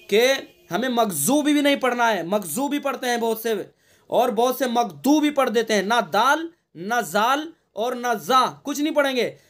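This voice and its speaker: High-voiced man teaching Quran recitation. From India. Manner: explains rules patiently, then recites verses slowly and drawn-out; repeats sounds as drills to correct mistakes. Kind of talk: online Quran recitation lesson.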